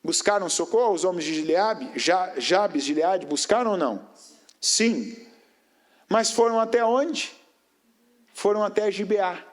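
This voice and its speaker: High-voiced man preaching a sermon. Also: expressive, unhurried. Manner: rhetorical questions to the congregation; swings between raised emphatic phrases and low, quiet stretches.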